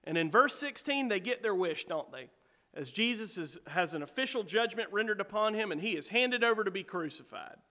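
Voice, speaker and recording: Pastor, male, high bright voice, emphatic sermon delivery, long hall reverb. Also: lively intonation, a little fast. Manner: emphatic, asks the congregation rhetorical questions.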